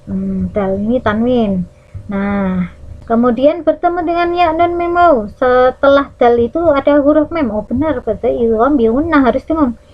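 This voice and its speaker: Lively Indonesian woman teaching recitation rules. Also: high voice, muffled recording. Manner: demonstrates Arabic recitation, stretching words slowly; lively teacherly, checks in with "ya" and "nah". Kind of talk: Quran recitation rules lesson for children.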